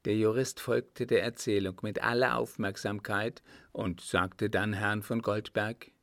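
A man narrating an audiobook in a low, unhurried voice with a gravelly grain. The sound is close and dry, with no room. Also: dry recording. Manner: steady, unhurried storytelling. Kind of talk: scripted narration.

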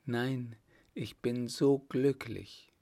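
A man softly voicing a weak wounded young wife. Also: mid-range voice, steady tone, extremely slow, vocal fry, no room sound. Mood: tender. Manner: soft, quiet and tender.

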